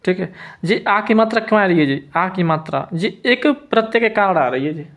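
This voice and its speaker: A man teaching spelling in a lesson, repeating each word slowly and checking in with the listener. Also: high voice, animated, fairly bright tone.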